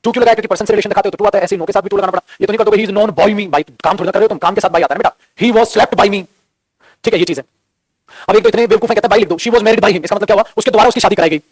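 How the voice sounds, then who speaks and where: Rapid-fire, high-voiced grammar teacher. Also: male voice, dry recording. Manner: playful scolding, calls students "beta", jokes; teasing, repetitive drilling questions. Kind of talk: Hindi-medium grammar class lecture.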